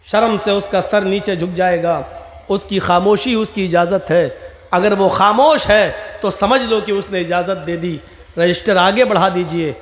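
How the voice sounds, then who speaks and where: A man preaching a sermon at a religious gathering, animated and swinging between loud emphasis and soft asides. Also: high voice. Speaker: Islamic preacher. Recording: echoey hall, faint noise.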